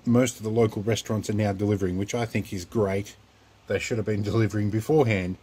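Low-voiced Australian man, chatty DIY vlogger. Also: warm tone, husky. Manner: chatty, rambling, wry asides. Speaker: repair channel host. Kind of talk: casual unboxing and how-to vlog.

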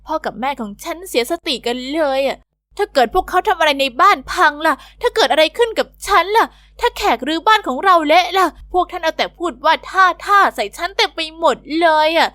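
A woman narrating a first-person animated diary story in a bubbly, expressive teen-girl manner. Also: very high voice, brisk, no room sound.

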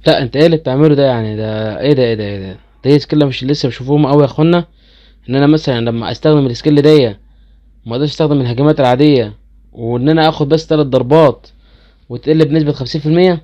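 A man's voice: on the high side, fairly even intonation, rapid-fire, mellow, dull audio. A man with an Egyptian accent chatting casually to viewers as he explains game skills, easily incredulous. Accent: Egyptian Arabic. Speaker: gaming channel host.

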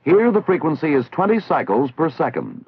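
Husky and a little high, this American man's voice swoops wildly in pitch as he narrates a 1960s military training film. He speaks with formal, measured, didactic enunciation, heard through a tinny, band-limited old soundtrack.

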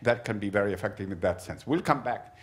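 A man moderating a conference panel, speaking haltingly into a handheld mic while he searches for words. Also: fairly low pitch.

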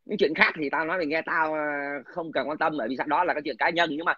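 A man's voice: fairly high pitch, quick pace, slightly rough, dry recording. A man in a crude, aggressive, profanity-filled rant, scornfully talking down to his listener. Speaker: political commentator. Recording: dull lo-fi dry recording.

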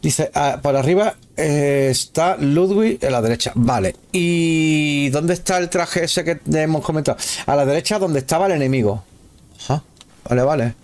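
A man's voice: a little high, moderate pace, darkish tone. A man giving casual live commentary while playing a video game, chatting with viewers and exclaiming at the action. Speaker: gameplay streamer.

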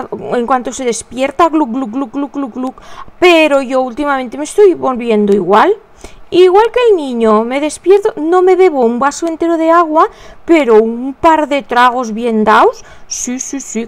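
A woman hosting a casual crochet tutorial, chatting with viewers and counting her stitches aloud under her breath. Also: sits high.

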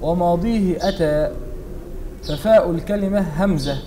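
Male student reading the grammar text out loud, high voice, bit of faint room noise. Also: moderate pace, poor audio.

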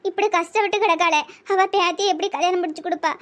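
Cartoon கதாபாத்திரம்: பெண் நடிக்கும் பெருமையும் வேதனையும் கொண்ட மூதாட்டி, நெல்லை வழக்கு, மிக உயர்ந்த குரலில் அழுகை கலந்த பேச்சு. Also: female voice, very high voice, fairly even intonation, fast talker, fairly bright tone. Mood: hurt, tearful. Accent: Tirunelveli Tamil. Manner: sobbing, pleading. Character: tearful elderly rich woman, proud and hurt. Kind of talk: cartoon voice acting.

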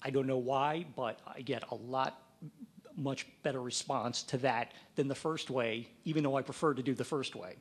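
A man's voice: mid-range voice, steady tone, moderate pace, husky. A man from the Mid-Atlantic United States giving a practical training talk, acting out sample phone calls. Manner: practical, plain-spoken, role-plays phone calls. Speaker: fundraising trainer.

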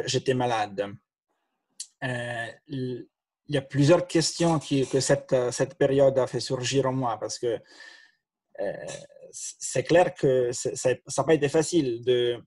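A man's voice: mid-range voice, a little mellow, dry recording. Man, 30s, doctor, dry webcam sound, hesitant delivery with restarts. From Italian-speaking Switzerland. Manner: hesitant, many fillers and restarts. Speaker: internal medicine doctor. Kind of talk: panel testimony. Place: attic room at home. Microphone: laptop webcam on a video call.

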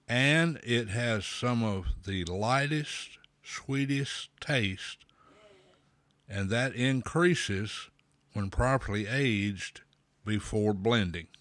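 Slow man talking around a pipe. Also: fairly low pitch, fairly bright tone, dry recording. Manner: measured, folksy, with pauses and fillers. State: talking with a pipe in his mouth. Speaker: host. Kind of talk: slow, deliberate explainer talk.

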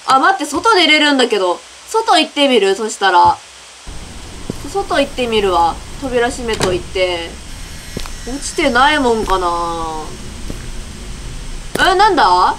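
A young woman playing a horror game and commenting on it, excitable and quick to shriek when scared. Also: fairly high pitch, slight background noise, rough recording. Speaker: gaming YouTuber.

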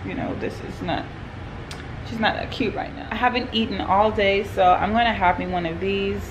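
A woman's voice: medium pitch, gravelly. A woman in her thirties chatting casually to a camera held at arm's length while she goes about her day at home and in the car. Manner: chatty, talks straight to a handheld camera. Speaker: vlogger. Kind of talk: casual day-in-the-life vlog. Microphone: phone or camera held at arm's length. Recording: noisy background, car air conditioning.

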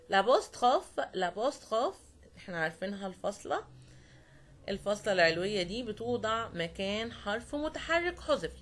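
A woman with an Egyptian Arabic accent teaching French to young students, repeating each word slowly and checking that they follow. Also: fairly high pitch, a bit bright. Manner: patient, repeats words slowly and checks understanding.

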